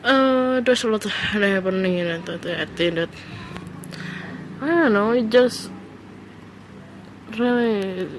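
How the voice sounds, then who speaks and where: In her first solo podcast, a woman who isn't a native English speaker talks casually at home, alone with her phone, hesitating through many fillers and restarts. Her mid-range voice has lively intonation but a slow pace with long pauses, and background noise can be heard.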